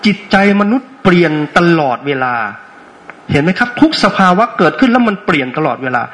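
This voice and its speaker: Higher-pitched man teaching dharma, playfully questioning. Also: big pitch swings, a little fast, fairly bright tone, slight background noise. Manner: asks frequent rhetorical check questions; playful, teasing with audience. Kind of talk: interactive dharma talk to a class.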